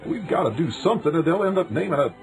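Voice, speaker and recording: A man's voice: a little high, very animated, quick pace, faint music behind. A man playing a wry, jealous, petty founding father in a comedy radio sketch. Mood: petty, scheming.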